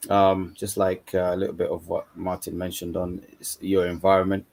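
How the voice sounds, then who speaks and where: A man with a very low voice speaks easily on a video call, drifting through his points in a relaxed, conversational way. He often fills gaps with "you know" as he goes. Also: moderate pace, creaky. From Uganda, then UK. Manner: casual, repeats "you know". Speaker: coach and mentor, panel guest. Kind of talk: online panel discussion.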